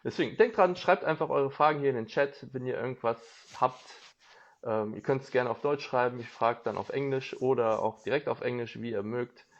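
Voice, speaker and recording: This label host, a man of half German, half Japanese heritage with a German accent, runs a casual livestream interview from his phone. His medium-pitched voice moves fairly quickly over dull audio, and he chats, laughs often, and fills his speech with fillers.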